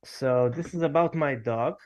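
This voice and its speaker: A man's voice: medium pitch, a little slow, a little mellow. A man from Serbia calling a live show, speaking in a hesitant, detailed way with many fillers. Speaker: caller.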